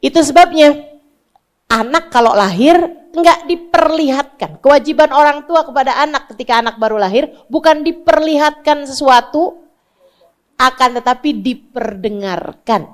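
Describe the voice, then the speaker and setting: A woman in her forties from Indonesia preaching a sermon, scolding her listeners with blunt rhetorical questions and chanting verses in Arabic. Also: high voice. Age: 40s.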